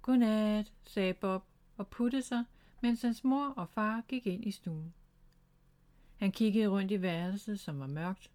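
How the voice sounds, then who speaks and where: A woman reads a children's chapter book aloud in a calm, gentle storytelling voice. Her pitch sits in the middle of the range. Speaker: storybook reader.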